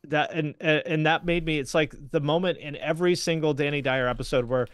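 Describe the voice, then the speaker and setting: A man's voice: a little high, fairly quick, clear, resonant tone, no echo, clean studio sound. An American man who is a guest in a casual chat, talking in an easygoing way. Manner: relaxed, easygoing, many fillers.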